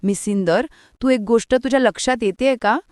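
A woman's voice: fairly high pitch, a little mellow, no echo, studio quality, voice pushed up, close to an everyday voice. A woman voicing a soothing young husband. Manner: soothing, slow English phrases. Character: calm reassuring young husband, gently teasing.

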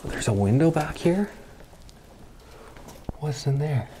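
A man's voice: fairly high pitch, animated, slow, dark tone, a little hiss or hum. A man giving casual, chatty commentary as he walks through an abandoned house, easily amazed by what he finds, recorded on a body-worn camera. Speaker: urban explorer host. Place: empty abandoned house, indoors.

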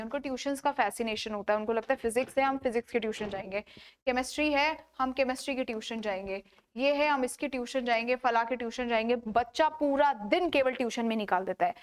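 Young woman, high voice, emphatic, repeats points, rhetorical questions, casual advice talk. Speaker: education YouTuber giving study advice.

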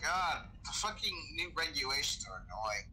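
In this poor-quality gaming voice chat with background noise, a Star Wars roleplayer does a full character voice: fairly high, swinging widely in pitch, bright and pushed, at normal speed. He improvises casually in character as a talkative, swearing starship crewman with a knack for weapons.

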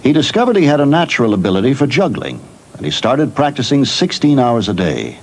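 A man's voice: medium pitch, sing-song, a little fast, rough recording. A middle-aged man presenting a documentary with polished, scripted storytelling narration.

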